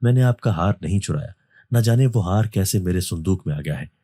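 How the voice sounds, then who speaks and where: A man's voice: low voice, animated, mellow, husky, no room sound, studio quality. A man voicing a frightened pleading young maid.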